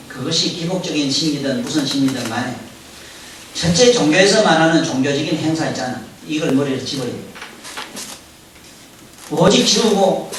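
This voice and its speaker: A high-pitched man with a delivers a Buddhist dharma talk, firing rhetorical questions at his listeners. He is recorded from far off in a very echoey hall, with faint hiss underneath. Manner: animated, rhetorical questions, addresses listeners directly. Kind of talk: Buddhist sermon lecture.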